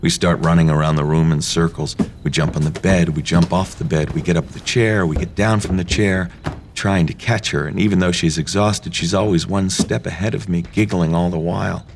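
A man narrating a first-person story in a low, hushed, intimate reading. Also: steady tone, moderate pace, vocal fry, background noise. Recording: faint music behind.

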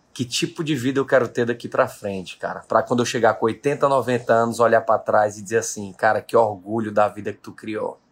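Speaking in a lowish, slightly rough voice with a steady tone and ordinary speed, a Brazilian man in his late thirties motivates his live-stream audience. He runs a business, talks emphatically, and repeats his central questions.

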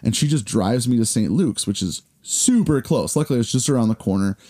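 A man in his forties, a podcast co-host, telling a long story in casual chat with lots of fillers, acting out the people he quotes in higher voices. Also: animated, brisk, dark tone. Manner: rambling, filler-heavy storytelling.

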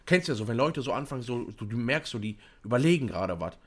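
A young man chatting casually, telling an animated story with lots of fillers and restarts. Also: medium pitch, fast talker. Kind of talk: casual chat.

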